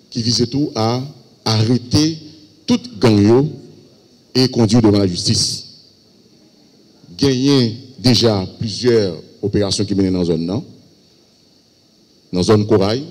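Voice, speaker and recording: Haitian-accented man, police spokesman at a briefing, fairly low voice, halting delivery, long hall reverb. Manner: halting, reading out a list of cases. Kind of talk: press briefing.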